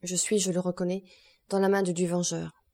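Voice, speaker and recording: A woman voicing a broken male prosecutor confessing gravely in a strangled voice. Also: fairly low pitch, flat delivery, fairly quick, mellow.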